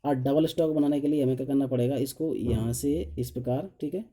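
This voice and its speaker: Very dark-voiced man teaching drawing. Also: mid-range voice, fairly quick. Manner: asks himself questions and answers them; says 'okay' after nearly every step. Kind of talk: step-by-step tutorial while drawing.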